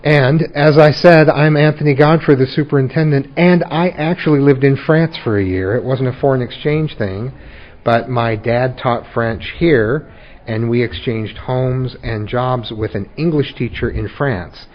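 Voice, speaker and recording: A man, a school district superintendent, hosts a podcast and interviews guests in a high school room, with a measured, friendly manner. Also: lo-fi sound. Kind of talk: scripted intro, then interviewing guests.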